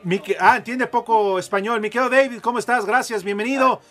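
High-voiced Mexican man hosting radio. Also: steady tone, a little fast, a bit bright. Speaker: radio sports show host. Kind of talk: joking live radio banter.

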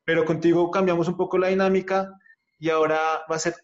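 A man's voice: a little high, little pitch movement, fast. Slightly muffled male podcast host. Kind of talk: casual podcast hosting. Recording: slightly dull, lo-fi audio.

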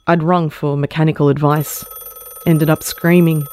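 A woman reading a first-person short story aloud, measured and sorrowful. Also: low-pitched, level tone, darkish tone. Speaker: story narrator. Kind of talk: scripted first-person narration.

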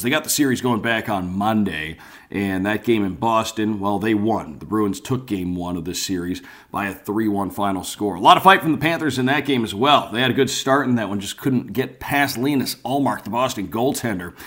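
A man's voice: medium pitch, a bit bright. A man hosting sports radio, giving a conversational recap.

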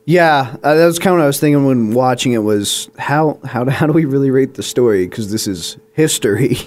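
Halting, dry-witted man co-hosting a podcast. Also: medium pitch, expressive, darkish tone. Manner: hesitant, halting with restarts, dry wit. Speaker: podcast co-host. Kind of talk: casual movie review chat.

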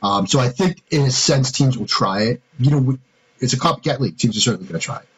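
A man's voice: medium pitch, lively intonation, fast talker, slight background noise, rough recording. A man co-hosting a sports podcast, talking through defensive schemes step by step in a casual, analytical way. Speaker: podcast co-host, football analyst.

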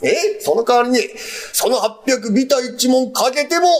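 A man's voice: very high voice, animated, normal speed. A man voicing a stubborn, pompous elderly landlord with an old Edo Tokyo accent, drawling and mocking in rakugo storytelling. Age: older.

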